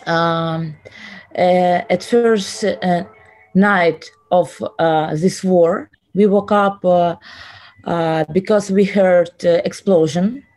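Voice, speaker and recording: A woman in her thirties speaks English with a Ukrainian accent, slowly and with many pauses and fillers. Her voice is slightly low and mellow. She answers interview questions with halting care. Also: fairly even intonation, soft background music. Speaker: interview guest.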